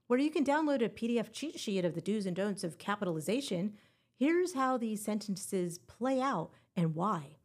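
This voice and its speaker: On her teacher-exam prep podcast, a scripted educational show, a woman speaks playfully and encouragingly, slipping in little puns. Her voice is medium in pitch with a darkish tone.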